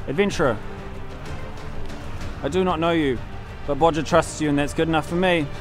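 An actor playing an earnest heroic militia captain who gives out quests in a fantasy game parody, declaiming in a stagey way. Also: male voice, a little high, moderate pace, over music, lightly acted.

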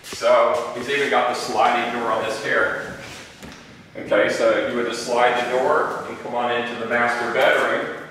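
Bright-voiced man in an echoey bunker. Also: medium pitch, little pitch movement, normal speed. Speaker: bunker company owner giving a tour. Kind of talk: casual walkthrough and product demonstration. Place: inside steel underground bunkers and shelters. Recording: echoey enclosed space, faint background noise.

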